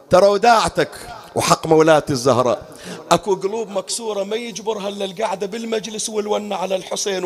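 A man with an Iraqi Arabic accent reciting a religious mourning elegy, moving from quick spoken storytelling into a drawn-out wailing chant. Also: high-pitched.

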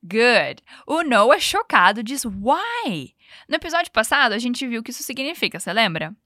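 Brief: higher-voiced woman, podcast English teacher, patient drill pacing, dry close sound. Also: sing-song, pushed and bright, dry recording. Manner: patient, coaching, slows down for model phrases. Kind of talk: podcast language lesson.

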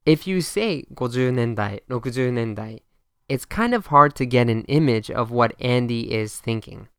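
A man leads a friendly podcast lesson at a mid pitch, switching between two languages to explain each idea. His voice is smooth and resonant, and the recording sounds close and dry with no room echo. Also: animated, takes it slowly, fairly bright tone. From United States. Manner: explains in Japanese then repeats in English, friendly and upbeat.

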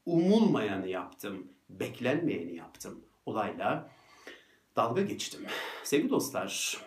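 Man, motivational storyteller, joking, lively pitch, echoey room. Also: slow. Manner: animated, laughing at his own story, acts out quotes. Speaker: motivational speaker. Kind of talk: storytelling monologue. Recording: roomy echo.

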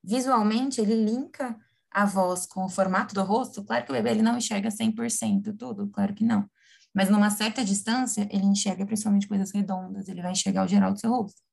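A woman, explaining things in a lively, casual conversation, often asking her listeners "right?". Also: medium pitch, fast talker, vocal fry. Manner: animated, acts out imagined quotes, frequent tag questions.

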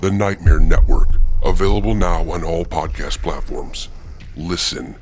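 A man hosting a horror podcast, reading a scripted promo in a slow, ominous, theatrical way. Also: sits low, darkish tone, slight background noise.

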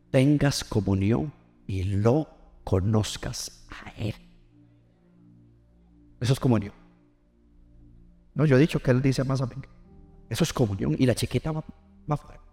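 A man's voice: mid-range voice, mellow. A middle-aged man, preaching a sermon and drawing call-and-response from the congregation. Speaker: pastor.

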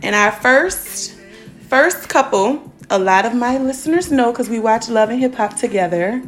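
A woman's voice: fairly high pitch, expressive, unhurried, faint music behind. A woman hosting a casual podcast chat, brash and profane as she reads listener questions. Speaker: podcast host.

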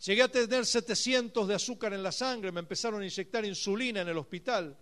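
A man with a notably high voice preaches a sermon at a live gathering. He sinks into hushed, intimate tones, then builds to loud, fervent exhortation. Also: fast. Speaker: pastor. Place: speaking at a live congress.

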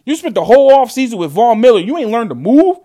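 A man's voice: very high voice, big pitch swings, fast, warm tone. A man ranting angrily and profanely about his football team's losses, repeating himself as he vents. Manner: angry, profane, repetitive. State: upset. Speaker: sports fan ranting. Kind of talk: profane sports rant.

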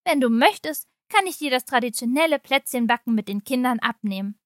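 A woman's voice: sits high, animated, fairly quick, no room sound, clean studio sound. A woman reading as a pushy, irritable mother-in-law. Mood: irritated, pushy. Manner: pushy, indignant. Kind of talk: audiobook reading of a short story.

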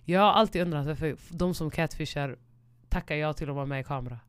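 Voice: mid-range voice, clean tone, dry recording. A co-host chatting casually, full of witty asides and sudden switches into English slang and swearing. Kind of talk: casual chat.

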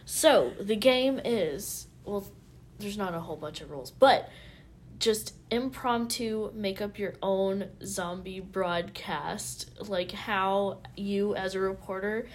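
Slow-talking young woman podcast co-host. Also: medium pitch, a little hiss or hum. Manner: giggly, repeats "okay". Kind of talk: casual film chat.

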